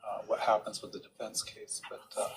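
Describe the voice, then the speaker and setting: Low-voiced man presiding over court. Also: completely flat delivery, brisk, vocal fry. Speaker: trial judge. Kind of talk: courtroom procedure. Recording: noisy courtroom feed audio.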